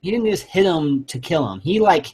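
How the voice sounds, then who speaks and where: A man with a slightly raised, husky voice chats on a podcast as co-host. He mostly adds short, easygoing remarks to the conversation. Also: a little high, expressive, moderate pace, darkish tone. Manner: laid-back, brief interjections. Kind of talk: casual podcast chat.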